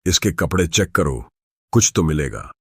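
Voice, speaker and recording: Man doing a nasty crooked cop, barking threats, super deep husky voice. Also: big pitch swings, moderate pace, fairly bright tone, dry recording, studio quality, exaggerated voice. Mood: threatening. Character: menacing corrupt male police inspector.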